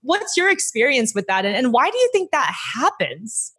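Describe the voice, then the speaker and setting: A woman's voice: sits high, very animated, moderate pace, fairly bright tone, slightly rough. A woman hosting a casual conversation, engaged and asking her guests open questions. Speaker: host.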